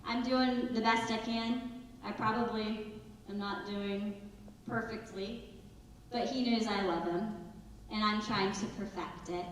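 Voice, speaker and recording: A woman in her thirties presents to parents in a school auditorium, giving an earnest, conversational talk and sometimes acting out family conversations. Her mid-range voice is unhurried with fairly even intonation. The mic is far away, the hall echoes, and there's a little hiss or hum.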